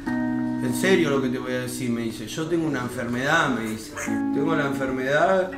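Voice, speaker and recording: A man's voice: mid-range voice, normal speed, over loud music. A young man with an Argentine Rioplatense accent, telling an anecdote in casual chat and acting out the quoted lines with lots of slang. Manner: animated, slangy, acts out quoted dialogue. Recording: echoey room.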